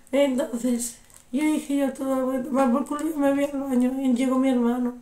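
Young woman vlogger, high mellow voice, echoey room, still unwell. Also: a little fast. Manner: animated, repeats exclamations. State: unwell, recovering from illness. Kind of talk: casual storytelling.

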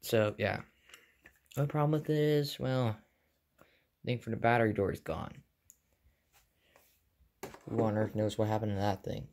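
In a small carpeted bedroom, a young American man who makes hobby videos narrates a casual show-and-tell with short, offhand remarks, recording on a handheld phone behind the camera. His voice is on the low side, steady and a little mellow, a little slow, with long pauses.

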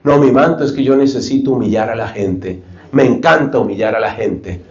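A male preacher giving a sermon, telling stories lively and acting out short dialogues. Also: mid-range voice, moderate pace. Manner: lively storytelling, acts out dialogues. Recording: roomy, slightly dull recording.

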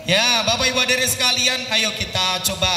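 A man with a Javanese-influenced accent hosts a live raffle loudly and playfully, rousing the crowd and calling out numbers. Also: very high voice, brisk. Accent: Javanese-influenced Indonesian. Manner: animated, repetitive crowd-rousing with playful banter. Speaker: master of ceremonies at a raffle. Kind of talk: loud live event hosting, calling coupon numbers to a crowd. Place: open grassy campground at night. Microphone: handheld PA mic, filmed from afar. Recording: echoing loudspeaker outdoors, music and crowd noise. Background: music and crowd chatter.

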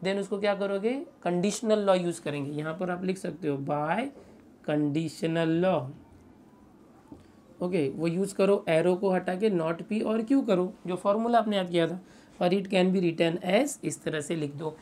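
A man teaching a maths lesson, patiently going through each step, asking rhetorical questions and reading English statements slowly word by word. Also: high voice, a little mellow.

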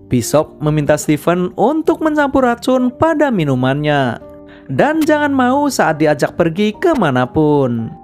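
A woman giving scripted narration that retells a film's plot in a steady storytelling manner. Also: mid-range voice. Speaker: film recap narrator. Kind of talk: scripted film recap narration. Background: background music.

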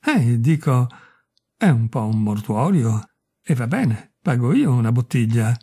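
A man voicing a boisterous, crude male soldier in a read-aloud story, loud and jeering. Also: medium pitch, big pitch swings, measured pace, husky, full character voice. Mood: awkward.

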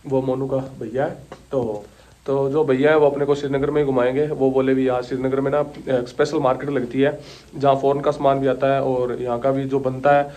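A young man with a warm, mid-range voice casually narrates a travel vlog, talking straight to his viewers in a chatty way as he walks through a busy outdoor market. A camera-mounted mic picks up plenty of busy street noise.

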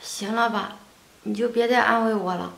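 A young woman playing a pregnant daughter who speaks softly and politely. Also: a little high, fairly even intonation, normal speed, creaky, reverberant, rough recording. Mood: subdued. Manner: soft, subdued, polite. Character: gentle pregnant young woman cast out by family.

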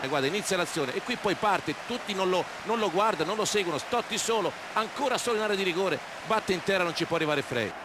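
A man's voice: high voice, animated, fast, few pauses. A man analysing football replays as a co-commentator in a live match broadcast. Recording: TV broadcast with clear crowd noise. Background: stadium crowd.

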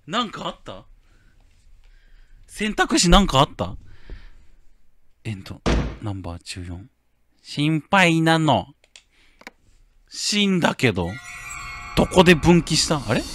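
A male game streamer playing a horror game, reading the story text softly and breaking into loud, excited outbursts between lines. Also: on the high side, takes it slowly, pauses often, a little hiss or hum. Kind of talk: horror game playthrough, reading dialogue aloud with commentary.

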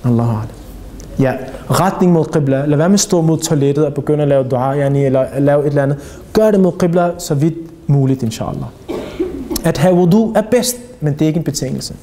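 Animated male Islamic teacher, higher voice. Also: a little hiss or hum. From Denmark. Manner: animated, addresses audience directly with rhetorical questions. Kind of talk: religious lecture to youth.

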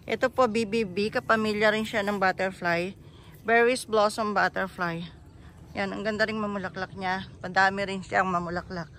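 A chatty bougainvillea seller walks through a garden in a casual vlog, pointing out plants one by one. The voice is medium-pitched, pushed and bright, with fairly even intonation at normal speed, plus a little hiss or hum.

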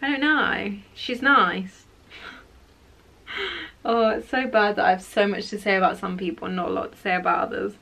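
A woman's voice: medium pitch, fairly even intonation, normal speed, gravelly, bright, forceful tone. A young woman chatting casually to her camera, opinionated and full of fillers. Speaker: vlogger. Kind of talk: casual chat. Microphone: camera mic.

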